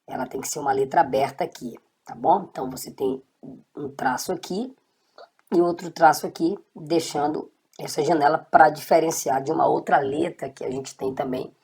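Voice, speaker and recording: A woman's voice: low voice, normal speed, darkish tone, breathy edge. A woman teaching a casual online Hebrew lesson, patiently checking in with her students.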